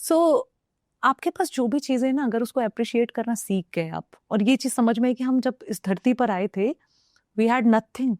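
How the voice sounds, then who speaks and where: A woman's voice: a little high, moderate pace, darkish tone, no room sound, studio quality. A young woman from Uttar Pradesh, India, speaking as a guest in a casual conversation. She is reflective and moves between Hindi and English as she talks.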